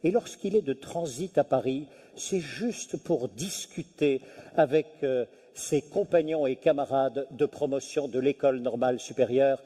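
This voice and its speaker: A man's voice: mid-range voice, measured pace, few pauses, dark tone. A man acting as event presenter, formally introducing the guest speaker. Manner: formal and announcing.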